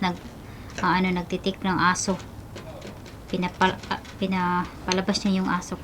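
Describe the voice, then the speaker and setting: A woman's voice: medium pitch, heavy background noise. A woman from the Philippines chatting casually in her vlog, mixing in English and cooing at her dog now and then. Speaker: vlogger. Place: outdoors at home in the evening.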